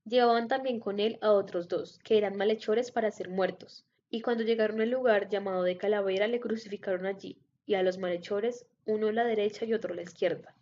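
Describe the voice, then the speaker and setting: Mellow-voiced woman reading scripture. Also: medium pitch. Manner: steady, measured reading. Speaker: scripture reader. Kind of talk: Bible reading. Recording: dull lo-fi recording.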